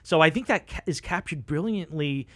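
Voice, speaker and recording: Guy hosting an interview, bit higher voice, asks long rambling questions. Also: lively intonation, normal speed. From the Bronx, New York. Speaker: podcast host. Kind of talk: casual interview chat.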